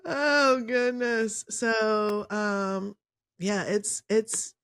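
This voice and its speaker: A woman's voice: medium pitch, steady tone, very slow, a bit bright, clear, resonant tone. A woman co-hosting a casual podcast from home in her morning voice, chatty and laughing often, with fillers, over a video call. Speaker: podcast co-host. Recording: level drops in and out.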